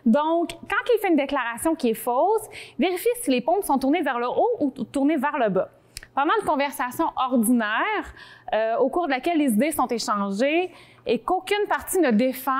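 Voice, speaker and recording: Woman, Québécois French accent, high-ish voice, talk show columnist, informal explainer, animated, rambling, self-interrupting. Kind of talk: conversational explainer to co-hosts.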